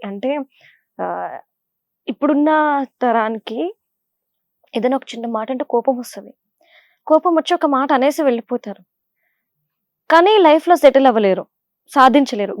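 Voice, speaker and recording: A young woman with a Godavari Telugu accent answers interview questions in a chatty, animated way, her voice sitting a little high. The sound is dry and close, with no room echo. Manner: chatty and animated, with frequent fillers. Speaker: serial actress, interview guest.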